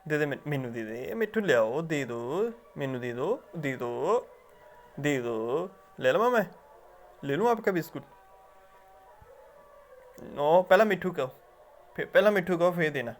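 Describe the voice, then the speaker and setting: A man's voice: a little high, expressive, measured pace, pauses often, faint music behind. A man talking casually to his pet parrot, coaxing and scolding it with short, repeated phrases. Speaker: pet owner.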